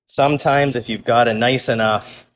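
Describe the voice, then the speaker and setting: A man's voice: medium pitch, steady tone, normal speed. A man speaks as a cooking show host, casually talking viewers through each step as he works. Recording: clear background noise while cooking.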